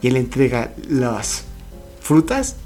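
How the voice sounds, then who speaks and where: A man's voice: mid-range voice, very animated, slow, darkish tone, soft background music. A man casually retelling a film, chatty and full of fillers and repeats. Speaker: film recap narrator.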